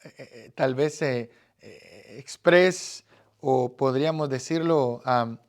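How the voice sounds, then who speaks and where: A man's voice: mid-range voice, takes it slowly. A man from Guatemala with a Guatemalan accent, giving an earnest Bible lesson on evangelism and speaking directly to the listener with frequent fillers. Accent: Guatemalan Spanish. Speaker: evangelism teacher.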